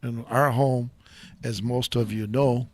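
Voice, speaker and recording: A man's voice: medium pitch, fairly even intonation, slow pace, darkish tone, a little hiss or hum. An older man hosting a live talk show, chatting in a rambling, enthusiastic and jokey way.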